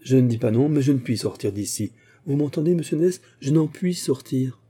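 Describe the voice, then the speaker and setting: Male reader as a pale, stubborn young orphan woman, faint and solemn, voice nudged upward, dark and husky. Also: medium pitch, animated, moderate pace, voice pushed up. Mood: defiant.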